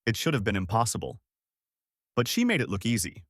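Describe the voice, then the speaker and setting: A man narrating a science-fiction story in a steady, expressive reading. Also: on the low side, fairly quick, no room sound, studio quality.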